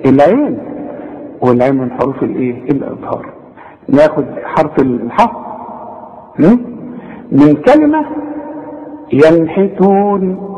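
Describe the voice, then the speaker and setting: A man with an Egyptian accent teaching Tajweed step by step, asking the listener questions and slowly chanting the example words. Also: a little high, darkish tone. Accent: Egyptian Arabic. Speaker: Quran recitation teacher. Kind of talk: Tajweed lesson. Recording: echoey, dull old cassette recording.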